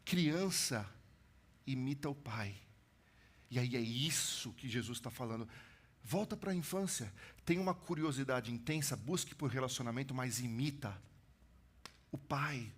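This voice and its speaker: A man in his thirties, a pastor from São Paulo with a São Paulo accent, preaching a sermon with animated storytelling that swings from loud build-ups to hushed lines. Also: medium pitch, measured pace, husky. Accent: São Paulo Brazilian Portuguese. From São Paulo, Brazil. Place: church stage.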